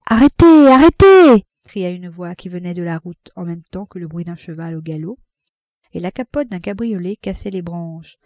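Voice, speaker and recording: Lectrice posée, voix grave et sèche. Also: female voice, fairly even intonation, no room sound, clean studio sound. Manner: measured, voices characters with raised pitch and loudness. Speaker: audiobook reader. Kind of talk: literary audiobook narration.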